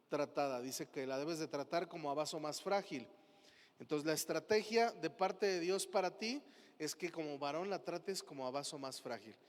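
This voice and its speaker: A man with a Mexican Spanish accent preaching a sermon as pastor, asking the congregation questions. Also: on the high side. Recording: long hall reverb.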